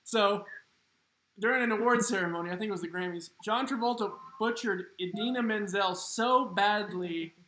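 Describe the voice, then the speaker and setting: A man hosts an online trivia game, reading each question with playful, upbeat emphasis. His voice sits high and sounds bright and forceful. The room gives it a noticeable echo. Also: normal speed, a little hiss or hum. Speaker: trivia host. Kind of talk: hosting a live-streamed trivia game.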